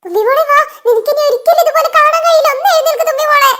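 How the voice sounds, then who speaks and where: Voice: very high-pitched, very fast, bright, forceful tone. A performer voicing an older sister in a cartoon, coaxing her sleepy little sister. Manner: coaxing, pleading. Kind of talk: cartoon voice acting.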